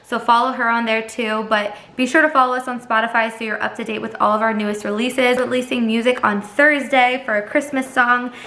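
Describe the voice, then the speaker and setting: A woman's voice: a little high, fairly even intonation, a little fast, hardly any pauses, sharp tone. Chatty young woman vlogging at home. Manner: chatty and upbeat, filler "like" often. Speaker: vlogger and student teacher. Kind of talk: casual vlog talk to camera.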